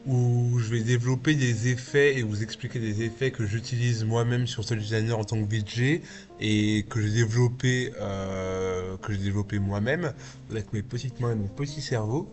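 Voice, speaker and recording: A man in his thirties with a slight lisp, giving a casual, step-by-step software tutorial and thinking aloud. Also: on the low side, steady tone, normal speed, soft background music. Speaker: tutorial host, video artist and VJ. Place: small indoor home studio.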